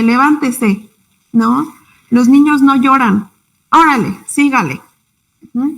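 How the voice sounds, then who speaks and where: A woman's voice: a little high, poor audio. Chatty Mexican woman giving a talk. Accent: Mexican Spanish. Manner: conversational, frequent tag questions. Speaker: psychology speaker. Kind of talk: symposium talk.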